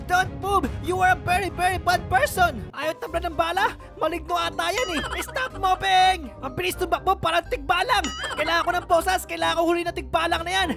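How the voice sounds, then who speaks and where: A woman narrating a comic game roleplay in a loud, excitable way, often laughing and switching between Tagalog and English. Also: very high-pitched. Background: music.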